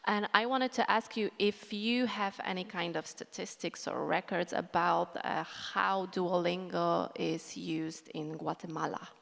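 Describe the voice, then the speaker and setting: Friendly woman, gravelly low voice. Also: steady tone, a bit bright. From Poland. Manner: friendly, giggly, slightly halting English. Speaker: audience questioner. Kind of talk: question from the floor. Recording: reverberant conference hall.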